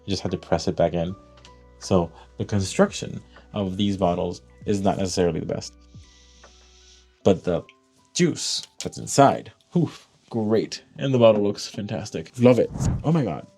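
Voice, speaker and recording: A man's voice: deep voice, animated, moderate pace, mellow, breathy edge, faint music behind. Gushing man reviewing fragrances. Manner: enthusiastic, gushing, thinks aloud. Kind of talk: excited unboxing commentary.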